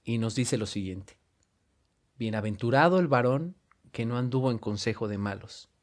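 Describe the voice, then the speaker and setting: A man with a Mexican Spanish accent preaching a sermon and reading scripture aloud in an earnest, measured way with emphatic stresses. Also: medium pitch, a little mellow.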